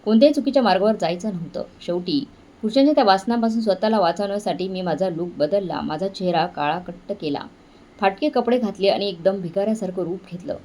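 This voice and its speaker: A woman's voice: mid-range voice, quick pace, warm tone, natural voice. A woman voicing a young beggar woman who is humiliated but proud, speaking in a pleading, emotional way. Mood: sorrowful.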